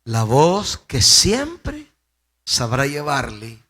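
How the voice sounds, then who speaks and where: A Salvadoran pastor preaching a sermon, swinging dramatically from hushed words to loud ones and repeating phrases for emphasis. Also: male voice, medium pitch, huge pitch swings, drawn-out words. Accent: Salvadoran Spanish.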